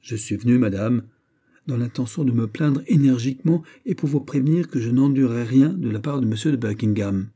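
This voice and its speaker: A man's voice: medium pitch, a little fast, dark tone, close to an everyday voice. A man voicing a jealous, indignant young French prince in an audiobook, heated and insistent. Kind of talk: audiobook character voice.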